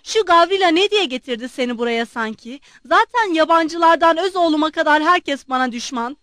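A woman's voice: sits high, lively intonation, fairly quick, a bit bright, no echo, clean studio sound, voice pushed up. A woman voicing an old retired general, blustering, pompous and roaring in indignant outbursts. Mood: ranting.

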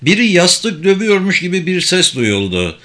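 Animated bright-voiced male narrator. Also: high voice, moderate pace. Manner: animated, expressive reading. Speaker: audiobook narrator. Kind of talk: scripted narration.

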